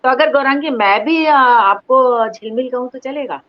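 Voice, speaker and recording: A woman's voice: high-pitched, a little slow, no room sound, highs cut off. A woman hosting an online interview, formal and encouraging, often stopping to praise her guest. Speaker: interview host.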